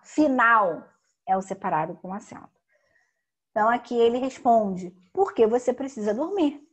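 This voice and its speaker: A woman teacher giving a recorded grammar lesson, explaining slowly and emphatically with frequent tag questions. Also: medium pitch, breathy edge.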